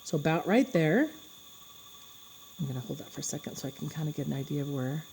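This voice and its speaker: A woman with a mellow, slightly low voice walks through a craft project step by step. She talks casually and thinks out loud while her hands are busy. Faint crickets chirp in the background. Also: lively intonation, fast, slightly rough. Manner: chatty, thinking aloud while working. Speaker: craft instructor.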